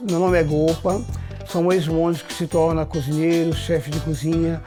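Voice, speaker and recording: A man's voice: a little high, flat delivery, normal speed, warm tone. A man from São Luís with a local accent, a chef telling his story in a plain, matter-of-fact way. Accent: São Luís, Maranhão. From São Luís, Maranhão. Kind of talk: personal recollection. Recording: distant mic, music behind.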